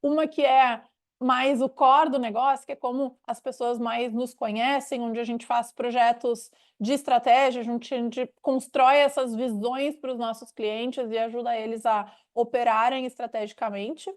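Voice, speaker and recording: A Brazilian woman from Rio Grande do Sul, speaking with a gaúcho accent, hosts a webinar as director of a knowledge unit. Her voice is slightly high and steady, moving at a normal pace. She presents conversationally, explaining things in a didactic way.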